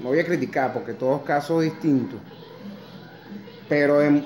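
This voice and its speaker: A vlogger in his forties with a Venezuelan accent rants to his phone camera, held close in his kitchen, cursing bluntly and throwing in sarcastic mockery. His mid-range voice has a slightly mellow quality. The indoor phone recording carries room echo.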